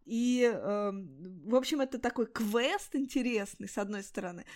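A woman in her thirties co-hosting a casual podcast, telling stories with animated swings in her voice. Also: normal speed. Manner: animated storytelling, lively pitch swings. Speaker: podcast co-host. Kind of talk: casual chat about children's books.

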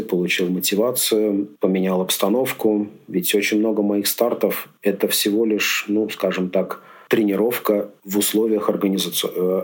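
A man's voice: sits low, husky. A man in his forties, a podcast guest talking through his racing life in a reflective, rambling way with many fillers. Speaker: podcast guest, amateur triathlete. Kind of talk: casual interview chat.

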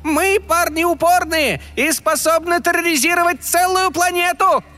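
A man voicing a tiny, quick-tempered male fairy in a piercing falsetto, boastful and irritable. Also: fairly even intonation, pushed and bright. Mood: indignant. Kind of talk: audiobook character voice.

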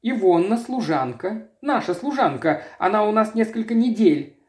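A man's voice: sits high, big pitch swings, moderate pace, darkish tone, reverberant, pitched above the performer's own voice. A man voicing a young mother whose baby is missing, composed and matter-of-fact.

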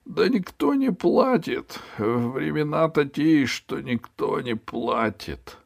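A man voicing a poor, groveling old ferryman who pleads in a high, wailing voice. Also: animated, takes it slowly, vocal fry, exaggerated voice. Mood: wailing pleading.

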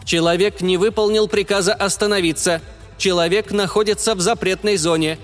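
A man voicing a booming, metallic old robot guard in a rigid monotone for an audiobook. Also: brisk, close to an everyday voice. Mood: monotone report. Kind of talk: audiobook reading. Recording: long reverb with faint music.

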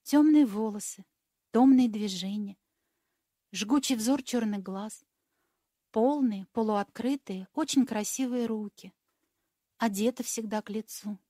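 A woman reading a classic dark story aloud as audiobook narrator, measured and expressive. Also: a little high, dry recording, clean studio sound.

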